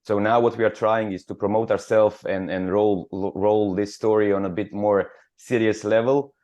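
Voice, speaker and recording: Croatian-accented man, low voice, halting. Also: steady tone, darkish tone. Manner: halting, many fillers and restarts, earnest. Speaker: futsal club captain. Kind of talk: radio interview.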